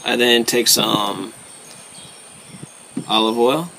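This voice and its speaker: A man casually talking through a hands-on demonstration step by step, in terse, short phrases with pauses between them. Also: medium pitch, vocal fry, noisy background. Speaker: host of a pipe hobby video series.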